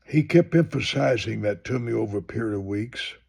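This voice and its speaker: A minister in his seventies rambles conversationally through a promo for an upcoming live stream. His medium-pitched voice is gravelly, slightly rough, a little mellow, and a touch fast.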